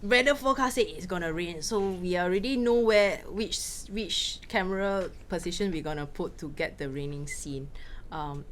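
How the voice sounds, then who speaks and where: A woman from Malaysia, a film director, answering questions in a casual talk with quick anecdotes and frequent laughs. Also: on the low side, a little hiss or hum. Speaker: film director giving a masterclass.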